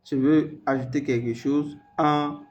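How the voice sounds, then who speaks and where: A man hosting a screen-recorded software tutorial, talking hesitantly and repeating words as he types. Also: medium pitch, steady tone, slow, lo-fi sound. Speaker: tutorial host.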